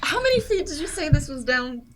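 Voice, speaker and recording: Female game player, fairly high register, informal table conversation. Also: very animated, a little fast. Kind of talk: casual game chat.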